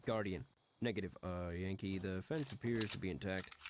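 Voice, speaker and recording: A man reading an audiobook and voicing a hesitant male drone operator in a lower, halting voice, with background noise. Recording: noisy background hiss.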